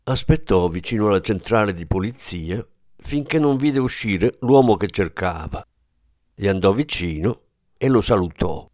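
A man narrating an audiobook in a steady, measured way, close to the mic. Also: lowish voice, no echo. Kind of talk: audiobook reading.

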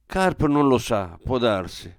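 A man voicing a sharp-tongued, practical middle-aged wife in a dramatic radio reading. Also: medium pitch, big pitch swings, takes it slowly, no echo, clean studio sound. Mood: sharp nagging. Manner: curt and irritated.

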